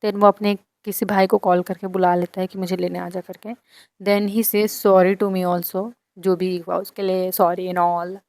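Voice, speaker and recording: A woman's voice: fairly low pitch, measured pace, no room sound. Woman telling a dramatic story, dry sound. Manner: dramatic, indignant storytelling with lively asides. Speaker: vlogger telling a personal story. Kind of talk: casual storytelling.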